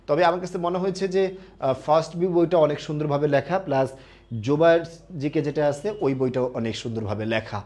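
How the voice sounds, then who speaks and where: A young man teaches a live online admission class. His voice sits a little high for a man. He explains things step by step and keeps asking whether the students have understood. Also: fairly quick, a little mellow.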